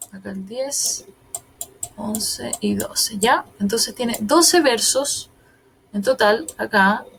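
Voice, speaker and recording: A woman teacher talks through a recorded lesson at an easy, methodical pace. Her voice sits a little high, and she keeps pausing to check that her students follow each step. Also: a little hiss or hum. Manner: patient, explains step by step, often checks understanding.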